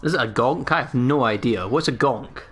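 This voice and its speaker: A man's voice: medium pitch, normal speed, a bit bright, slightly rough. Young man, Scottish accent, casual chat, sweary, laughs a lot. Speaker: streamer. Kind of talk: casual chat while gaming.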